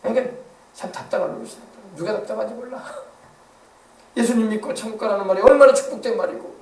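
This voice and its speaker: A man pastor preaching a sermon, emphatic, swinging between hushed passages and loud exclamations. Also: high-pitched, fast, slight background noise. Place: church sanctuary. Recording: echoey church sound from a distance.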